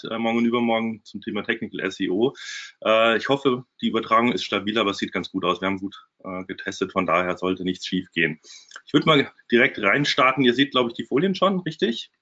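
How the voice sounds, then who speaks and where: A man's voice: mid-range voice, fast talker, sharp tone. A man speaking as a guest presenter, giving a casual webinar from a small hotel room. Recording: dull, lo-fi webinar stream.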